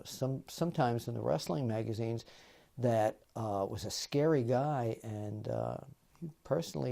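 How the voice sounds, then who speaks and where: A man, a wrestling journalist, telling an anecdote in an interview, halting with many fillers. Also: medium pitch, vocal fry, dark tone. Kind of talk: reminiscing interview.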